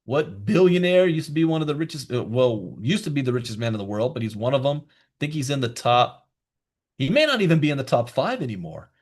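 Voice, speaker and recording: A man's voice: mid-range voice, big pitch swings, brisk. A man hosting a live online crypto class, talking in a chatty, emphatic way with asides to his viewers. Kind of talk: live online teaching session.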